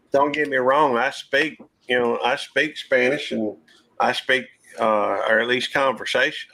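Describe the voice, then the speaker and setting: A man's voice: medium pitch, pushed and bright. A man, hosting a casual live-stream panel chat in a folksy, rambling drawl. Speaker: channel host.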